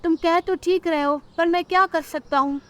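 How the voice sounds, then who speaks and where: A woman's voice: very high-pitched, fairly even intonation, normal speed, fairly bright tone, pitched above the performer's own voice. Woman voicing a weary old father crow. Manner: tired, resigned.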